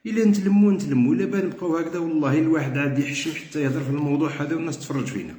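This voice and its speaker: Rapid-fire Algerian man pleading heatedly. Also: on the high side, a little mellow, a little hiss or hum. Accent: Algerian Arabic. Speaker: national coordinator of an army veterans' group. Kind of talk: impassioned spoken appeal. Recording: roomy echo.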